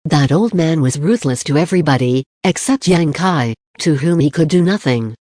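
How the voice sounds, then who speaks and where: Dark, dry audiobook narrator. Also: mid-range voice, lively intonation, normal speed, dry recording.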